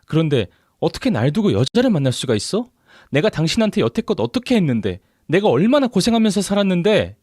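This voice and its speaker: A man's voice: very animated, fairly quick, hardly any pauses, no echo, studio quality. A man voicing a furious betrayed wife who hurls accusations in a radio drama. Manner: shouting, high-pitched outbursts.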